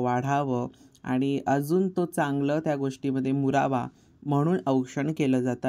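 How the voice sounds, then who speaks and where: A man's voice: mid-range voice, warm tone. A man chatting casually to his viewers, filmed indoors at home. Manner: chatty, coaxing a child with repeated questions. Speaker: vlogger. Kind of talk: casual home vlog chat. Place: home family birthday gathering, indoors.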